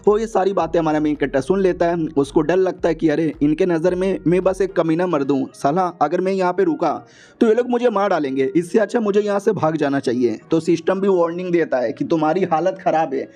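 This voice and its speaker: A man casually retelling a comic story in a chatty, slangy, joking way, slipping into quick voices for the characters. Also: sits high, dark tone. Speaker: manhua recap narrator.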